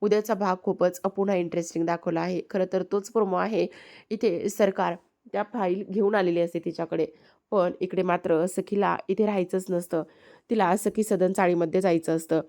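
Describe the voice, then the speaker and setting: A woman narrating an episode recap of a TV serial in a steady storytelling way, addressing the viewers. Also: fairly low pitch, normal speed.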